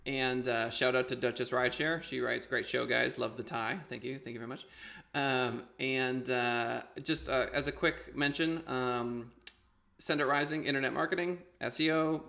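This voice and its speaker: Casual male host with a creaky voice. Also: medium pitch, pushed and bright. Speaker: interview show host. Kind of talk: casual conversational storytelling and hosting.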